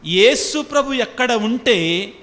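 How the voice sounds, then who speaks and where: A priest with a high, bright, ringing voice delivers a sermon in a call-and-response style, repeatedly quizzing his congregation. He drops English phrases in among his own words. His voice trails off into a long hall reverb. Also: animated, slow.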